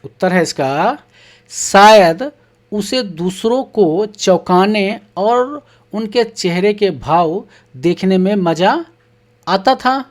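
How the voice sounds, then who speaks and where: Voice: mid-range voice, lively intonation, takes it slowly. A teacher patiently explaining a children's textbook lesson, reading each question aloud, answering it, and breaking words into syllables. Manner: reads questions aloud, then answers them.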